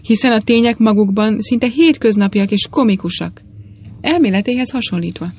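A woman reading an audiobook, voicing a gentle, eccentric little male priest with eager, apologetic exclamations. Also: medium pitch, gravelly.

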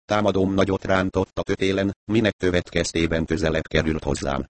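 A man reading a first-person mystery story aloud, in measured storytelling narration. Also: sits low, little pitch movement, no echo. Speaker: audiobook narrator.

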